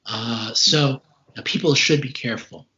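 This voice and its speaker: A man in his forties, an interview guest recovering from a serious respiratory illness, gives a halting, measured account of his experience while a little short of breath. His voice is mid-range with a sharp tone, carried on dull lo-fi call audio.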